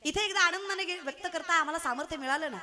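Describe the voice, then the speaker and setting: Her voice very high and racing, a woman delivers a devotional kirtan sermon full of animated storytelling, swinging from loud exhortations to gentle pleas.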